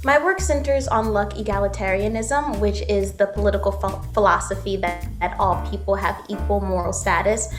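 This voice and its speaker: A woman's voice: fairly high pitch, lightly acted. A young woman playing a confident woman expert in legal philosophy, in a stage show. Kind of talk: youth stage theater.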